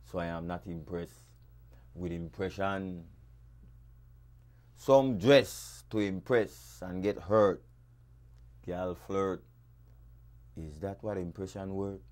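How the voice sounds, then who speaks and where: A man with a Belizean accent reciting dub poetry in a rhythmic, rhyming delivery with sharp swings in loudness. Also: low-pitched, slow pace, pauses often. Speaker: dub poet.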